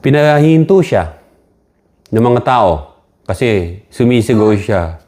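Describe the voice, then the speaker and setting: A man's voice: mid-range voice, sing-song, takes it slowly, warm tone. A man with a Filipino accent preaching a sermon, switching between Filipino and English, repeating key words and rising for quoted cries.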